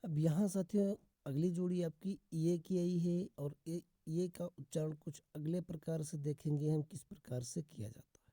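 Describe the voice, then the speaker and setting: A man's voice: a little high, dark tone, no echo. A man teaching English pronunciation in Hindi, repeating rules and drawing out example words. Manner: slow, repetitive teaching with drawn-out example words; addresses viewers as "friends" repeatedly. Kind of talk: Hindi-language phonics lesson.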